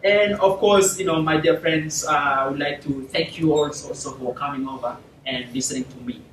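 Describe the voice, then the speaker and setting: A young South Sudanese man giving a formal talk to a university class, thanking people warmly and using many fillers. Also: on the high side, steady tone, normal speed, slight background noise. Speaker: guest speaker. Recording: echoey classroom, from far off.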